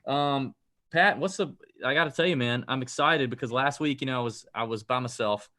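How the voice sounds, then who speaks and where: A man's voice: medium pitch, fairly quick, pushed and bright. A man co-hosting a casual golf betting podcast, joking and rambling with frequent laughs. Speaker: podcast co-host.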